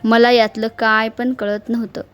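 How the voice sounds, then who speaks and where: A woman reading a village short story in steady, dialect-flavoured narration. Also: on the high side, a little slow, clear, resonant tone.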